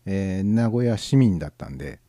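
A man from southern Gifu, Japan, with a Gifu-Nagoya accent, hosting a casual internet radio show alone in a relaxed, musing way, with many fillers. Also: sits low, brisk, dry recording, clean studio sound. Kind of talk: casual solo chat.

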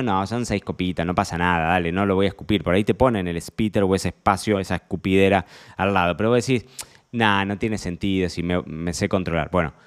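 Argentine male sommelier host, fairly low voice, loud and chatty, playful asides. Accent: Argentine Spanish. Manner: chatty, joking, lots of fillers and restarts. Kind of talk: casual monologue podcast.

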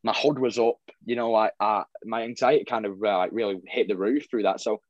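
A man's voice: lowish voice, steady tone, brisk, dry recording, dull audio. A young man, a football vlogger telling stories in a rambling casual chat, full of restarts and fillers. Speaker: football fan vlogger, guest.

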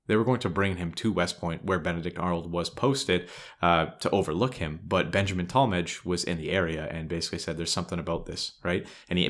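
A man co-hosting a podcast, telling history in a loose, animated way, often checking in with "right?" and acting out quotes. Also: low voice. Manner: animated storytelling with many "right?" tags and acted-out quotes. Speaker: podcast co-host. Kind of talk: casual history chat.

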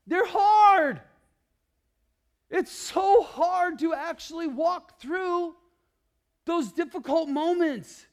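Delivering a sermon, a male preacher addresses his congregation directly, alternating booming proclamations with quiet, low-voiced stretches.

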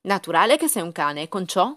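A woman's voice: on the low side, sing-song, fast, fairly bright tone, no echo, clean studio sound. A woman voicing a placid, matter-of-fact female cow in a storybook reading.

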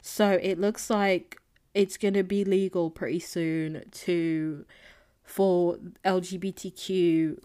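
A woman's voice: fairly low pitch, steady tone, takes it slowly, mellow, smooth. A woman hosting a solo podcast, chatting casually and candidly in a rambling, opinionated way. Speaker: podcast host. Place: indoors, a room other than the usual setup. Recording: slightly echoey, recorded in makeshift room.

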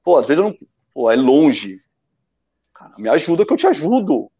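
A man's voice: a little high, sing-song, normal speed, warm tone, husky. A Brazilian man, a photographer guest, telling rambling stories with enthusiasm in casual podcast chat. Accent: Brazilian Portuguese. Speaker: running-event photographer, guest. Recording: dull lo-fi sound.

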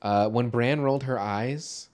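A man's voice: mid-range voice, measured pace, darkish tone. A man co-hosting a casual movie podcast, talking in a rambling, jokey way with lots of swearing. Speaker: podcast co-host.

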